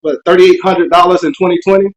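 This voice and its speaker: A man calling in to a show, explaining himself casually and earnestly, halting and repeating his words as he goes. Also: sits high, steady tone, poor audio. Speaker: caller on a call-in show. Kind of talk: casual unscripted debate.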